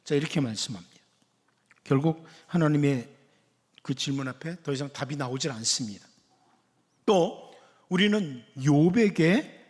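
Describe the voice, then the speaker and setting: A middle-aged man delivers a sermon from the pulpit in an earnest, conversational way, briefly acting out the questions he quotes. His voice sits a little high for a man. A long church reverb trails behind his words. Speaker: pastor. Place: church sanctuary.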